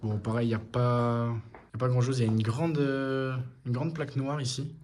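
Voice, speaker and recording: A man's voice: mid-range voice, little pitch movement, moderate pace, darkish tone. A young Frenchman casually guiding a night exploration vlog with spoken commentary as he goes through an abandoned house. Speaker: urban explorer guiding the visit. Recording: echoey empty house, noticeable noise.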